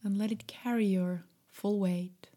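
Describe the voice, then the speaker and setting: A woman guiding a meditation in a soft, breathy, half-whispered voice, gentle, soothing and unhurried. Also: mid-range voice, steady tone. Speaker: meditation guide. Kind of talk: slow guided meditation.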